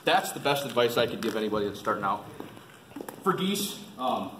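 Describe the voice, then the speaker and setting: Very animated and fairly quick, with a sharp tone at medium pitch, an experienced waterfowl hunter teaches an informal group seminar at a museum. He is folksy and direct, hammering points through repetition. Sound is roomy and distant with faint noise.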